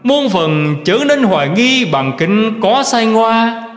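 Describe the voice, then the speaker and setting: A man giving a slow, measured recitation of Buddhist teachings in a scripted reading style. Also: high voice, expressive. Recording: roomy recording with long reverb.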